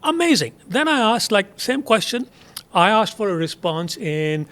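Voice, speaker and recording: A man in his sixties, a guest on an interview show, telling anecdotes in a relaxed, amused way. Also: high-pitched, moderate pace. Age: 60s. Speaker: interview guest, investor and writer. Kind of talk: casual interview chat.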